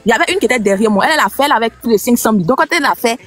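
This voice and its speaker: A woman on a live audio chat recounting a colleague's bank deposit trouble, talking fast and a little haltingly. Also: on the high side, animated, soft background music. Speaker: participant sharing a story.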